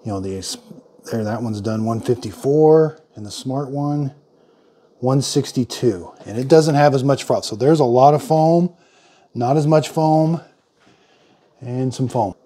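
A middle-aged man reviewing a product gives a casual hands-on demo in his home kitchen, thinking aloud in a plain-spoken way as he works. His voice is medium-pitched, unhurried, and mellow.

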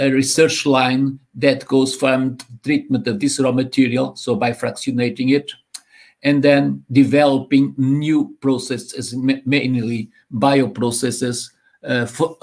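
An online university lecture with slides is given by a guest professor, a man in his sixties from Portugal with a Portuguese accent, over a video call from a home or office room. His voice is medium-pitched and a little mellow with little pitch movement, and he talks haltingly with frequent fillers and repetitions, recorded on a laptop or webcam mic.

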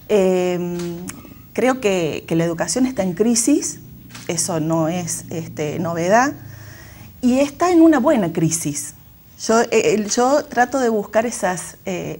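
Argentine woman, school director type; measured, reflective, restarts often. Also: mid-range voice, darkish tone. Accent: Argentine Spanish. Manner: thoughtful, many fillers and restarts. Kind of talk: reflective interview answers.

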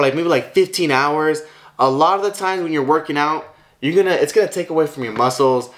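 A fitness vlogger in his twenties talks casually to a handheld camera in his car, at the gym, and at home, hyped up, slangy, and swearing freely about workouts. His voice sits fairly high with a fairly bright tone.

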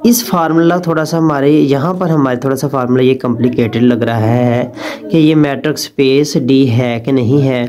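A man's voice: medium pitch, moderate pace, warm tone. A young man, a math lecturer explaining proofs step by step and speaking directly to his students. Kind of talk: recorded online lecture.

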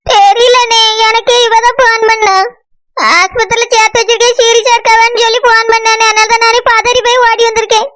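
A woman's voice: very high-pitched, little pitch movement, fairly quick, a bit bright. A woman voicing Saroja, an anxious village woman with a Tirunelveli Tamil accent, in a cartoon. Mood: worried. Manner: anxious, tearful pleading. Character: worried village woman Saroja fearing for her mother. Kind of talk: cartoon voice acting.

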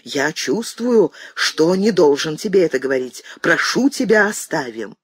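A woman reader lowers her voice for a weary, anguished grown son in an audiobook, pleading and bitterly accusing. The voice is husky with lively pitch. It sounds close and dry. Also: unhurried, no room sound, full character voice. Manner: pleading, restrained, then bitter.

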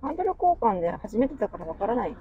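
Woman co-host, teasing banter, fast and animated, slightly dull recording. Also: medium pitch, a little hiss or hum. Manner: teasing, quick-witted. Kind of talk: casual banter.

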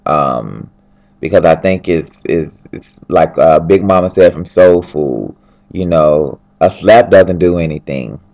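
A man's voice: deep voice, slow, creaky, a little mellow, dull audio. A tired man who has just woken up, chatting in a rambling, upbeat way as he records a casual video diary from his bed on a handheld flip camera. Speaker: fashion designer. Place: lying in bed at home.

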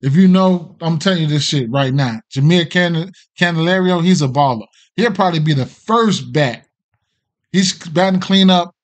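Fairly high in pitch and moving at a moderate pace, this middle-aged American betting show host rambles through a casual livestream. He hesitates, uses lots of slang and swears freely.

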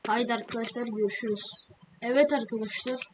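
Woman gamer narrating her play, excitable and slangy, loud noise and clicks behind her. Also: on the high side, brisk. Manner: chatty, excitable, slangy asides to viewers. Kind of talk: casual gameplay commentary.

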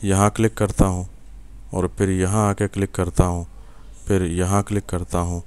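A young Pakistani man with an Urdu accent gives a patient, step-by-step screen-recorded software lesson at his computer, often checking in with the viewer. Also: deep voice, flat delivery, smooth. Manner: patient, step-by-step, many fillers and "ٹھیک ہے" checks. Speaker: software instructor.

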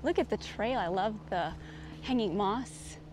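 This is a middle-aged woman vlogger with a mid-range voice and a measured pace, casually narrating a walk along an outdoor forest trail. She's relaxed and descriptive, pointing things out as she moves. A handheld camera, often at a distance, captures her along with faint outdoor noise.

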